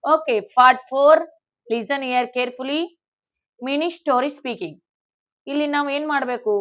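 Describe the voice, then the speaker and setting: Her voice sits high with a fairly bright tone as she slowly teaches spoken English to a class, spelling each word out letter by letter so learners can repeat it.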